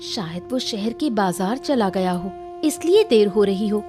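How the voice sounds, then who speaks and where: A woman's voice: medium pitch, animated, measured pace, over music, natural voice. A woman voicing a kind young village woman who comforts an old mother in a cartoon story. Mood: soothing. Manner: soothing, reassuring.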